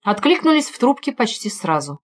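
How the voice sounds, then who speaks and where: A woman's voice: fairly high pitch, very animated, brisk. Woman narrating a crime audiobook. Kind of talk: scripted narration.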